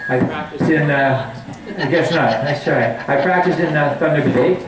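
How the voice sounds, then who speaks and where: At a community forum held in a community hall meeting room, a middle-aged Canadian family physician serves as guest speaker, talking chattily with frequent restarts and fillers. His pitch is fairly high and his pace moderate. Recorded from far off on a handheld mic and distant camera, the echoey hall carries slight background noise.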